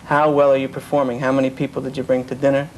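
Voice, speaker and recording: A man's voice: mid-range voice, level tone, fast, a little hiss or hum, low-quality recording. Man recounting his past in earnest. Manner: earnest storytelling, quoting others. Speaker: interviewee. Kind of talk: personal account of cult experience.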